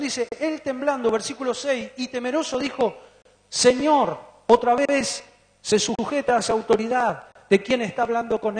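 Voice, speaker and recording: High-voiced Argentine pastor preaching. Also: male voice. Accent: Rioplatense Spanish. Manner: preaching with rhetorical questions to the congregation. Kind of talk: sermon. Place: church hall. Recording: long church reverb.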